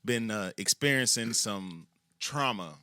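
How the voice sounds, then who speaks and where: Laid-back podcast host, dry sound. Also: male voice, on the low side, lively intonation, measured pace, pushed and bright, dry recording. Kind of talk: casual podcast chat.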